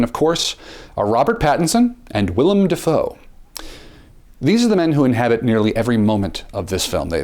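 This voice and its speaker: Man, film reviewer, scripted review, theatrical delivery, very lively pitch, mid-range voice. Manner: theatrical, with dramatic pitch swings and slowed emphasis; repeats words at the start of phrases.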